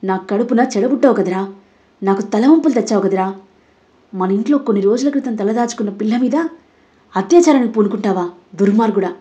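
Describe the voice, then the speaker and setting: A woman's voice: a little high, fairly quick, natural voice. A woman voicing a stern, scolding father in a Telugu audio story. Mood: furious. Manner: scolding, loud and angry. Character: furious stern father of the household.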